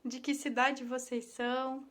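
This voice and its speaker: A Brazilian woman who teaches ThetaHealing hosts a casual Instagram live stream, affectionately greeting viewers by name over a phone or laptop mic. Her high, slightly bright voice has little pitch movement and a measured pace.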